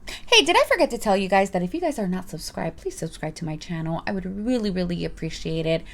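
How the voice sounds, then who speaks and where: A woman's voice: on the low side, lively intonation, fast talker. A woman in her thirties reviewing her purchases in a casual, chatty vlog, rambling with playful asides. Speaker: vlogger.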